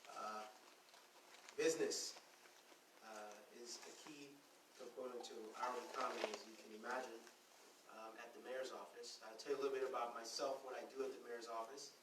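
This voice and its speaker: A man's voice: mid-range voice, fairly even intonation, normal speed. Brief: man from Guyana, city official addressing a room, chatty delivery with lots of fillers, distant mic, echoey hall, background noise. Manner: conversational, with many fillers and repeated words. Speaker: city official presenting to business owners. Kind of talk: public presentation. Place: consulate meeting room.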